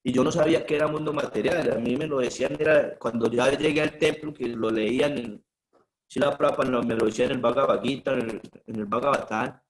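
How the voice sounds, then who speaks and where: A man's voice: medium pitch, steady tone, a little fast, poor audio. A middle-aged man, a spiritual teacher telling personal stories in a conversational way, often checking in with a questioning "sí". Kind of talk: personal storytelling talk.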